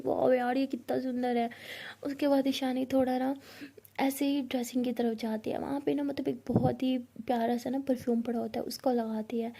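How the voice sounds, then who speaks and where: A woman telling a romantic story casually and chattily, sometimes sinking into a whisper. Her voice is high with a gravelly edge, and the tone is dark and mellow. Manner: chatty, often drops to a whisper.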